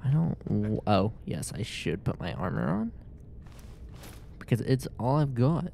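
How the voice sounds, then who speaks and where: A man's voice: mid-range voice, very animated, a little slow, creaky, mellow, a little hiss or hum. A man giving casual commentary while streaming a game, sarcastic and swearing at the game's characters.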